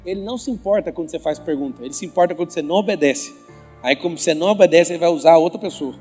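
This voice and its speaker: A man's voice: fairly high pitch, racing, mellow. A man giving a live motivational talk with religious teaching at an event, teasing and quizzing the audience directly. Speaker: motivational speaker. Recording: reverberant event hall with faint music.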